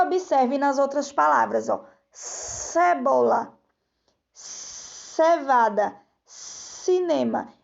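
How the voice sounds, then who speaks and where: Woman teacher for kids' lesson, slow and patient, gravelly higher voice, dull lo-fi sound. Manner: slow, patient, drawn-out word reading. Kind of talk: recorded lesson for children. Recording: dull lo-fi recording.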